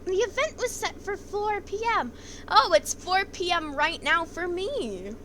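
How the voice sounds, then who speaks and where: A woman's voice: extremely high pitch, expressive, measured pace, a bit bright, slight background noise, poor audio. A young woman hosting a gaming video, chatting casually and reading game text aloud, giggly and stumbling over words. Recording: game music playing behind.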